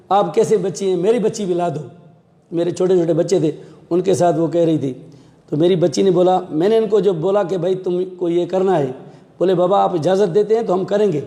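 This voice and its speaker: A man with a raised pitch and a deeply mellow timbre recounts events as a police officer in an interview. He tells the story in an animated way, shifting his voice for each person he quotes. The recording has a long, roomy reverb. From Pakistan.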